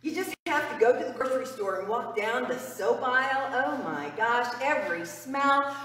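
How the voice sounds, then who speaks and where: A middle-aged woman pastor giving a sermon in a church sanctuary, earnest and emphatic, dropping to a hush on key phrases. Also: on the high side, animated, normal speed, slight background noise. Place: church sanctuary before the altar. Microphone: far camera. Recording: roomy church reverb, far from mic.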